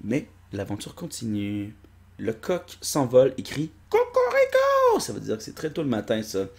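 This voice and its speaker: A man's voice: lowish voice, vocal fry. A man with a Québécois accent reading a comic aloud with joking asides. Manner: joking asides, slow lively delivery. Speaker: podcast reader. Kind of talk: casual comic audiobook reading.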